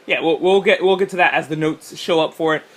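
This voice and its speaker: High, bright-voiced man chatting casually. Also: fast. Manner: rambling, reads from his notes, swears casually. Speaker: co-host. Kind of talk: casual game-showcase reaction chat.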